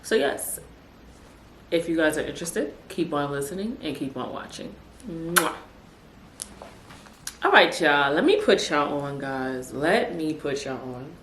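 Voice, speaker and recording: A podcast host from Brooklyn, New York City, has a chatty, low voice and drops animated asides like "child" and "honey" in casual conversation. She speaks at a measured pace with long pauses. The room is echoey, with faint noise.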